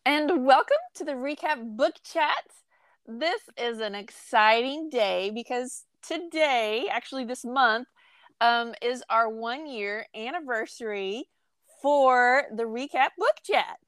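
A woman co-hosting a casual book chat podcast, chatty and excitable, often trailing off mid-sentence. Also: fairly high pitch, slow, smooth, dry recording. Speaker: podcast co-host.

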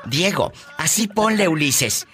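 A man's voice: on the high side, very animated, unhurried, sharp tone. A man with a Mexican accent hosting a call-in radio show, flamboyant and gossipy, teasing his caller and laughing often. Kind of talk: campy call-in radio chat.

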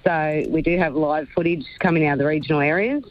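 A woman's voice: sits low, fairly even intonation, fast, highs cut off. An Australian woman, a racehorse trainer, chatting in a radio interview over the phone, hesitant and full of ums and restarts.

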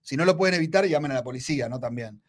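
Fast-talking man chatting. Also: mid-range voice, lively intonation. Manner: chatty, repeats himself, says "amigo" often. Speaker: podcast co-host. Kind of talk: casual chat.

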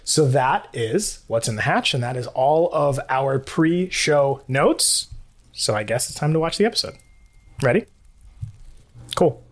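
A woman's voice: rumbling low, lively intonation, measured pace. A woman hosting a rewatch podcast, talking in a casual, rambling, jokey way. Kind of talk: casual chat and commentary.

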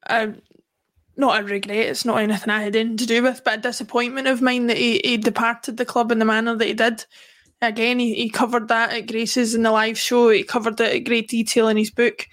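A woman, co-hosting a football podcast in casual chat, measured as she runs through lists of players. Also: a little high, fairly bright tone. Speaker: podcast co-host.

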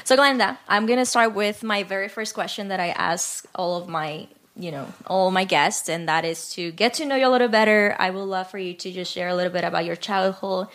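A woman's voice: medium pitch, fairly quick, few pauses. Upbeat woman hosting a faith podcast. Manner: warm, laughing, encouraging. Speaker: podcast host.

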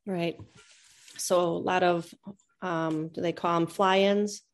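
A woman's voice: fairly low pitch, fairly even intonation, slow. A woman hosts a casual interview. She speaks in a plain voice and moves the talk along with brief questions. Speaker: interviewer host.

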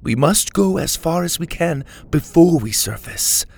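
A man's voice: a little high, expressive, measured pace, creaky, voice pushed up, exaggerated voice. A man voicing a stern, proud young woman pilot in a storybook reading, curt and commanding. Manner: curt, authoritative.

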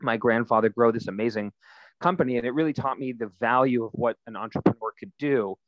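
A man's voice: medium pitch, quick pace, no echo. Interview guest, man in his thirties, easygoing storyteller with lots of "uh"s, dry and muffled audio. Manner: relaxed storytelling, frequent fillers. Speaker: guest, nonprofit founder. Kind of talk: conversational interview answers.

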